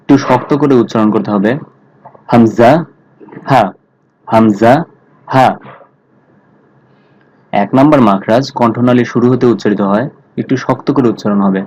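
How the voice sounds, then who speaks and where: A man teaching Quran recitation, slowly repeating Arabic letter sounds and explaining where each is made in the throat and mouth. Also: mid-range voice, darkish tone, slight background noise. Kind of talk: slow tutorial on Arabic letter articulation. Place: mosque. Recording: slightly dull lo-fi audio.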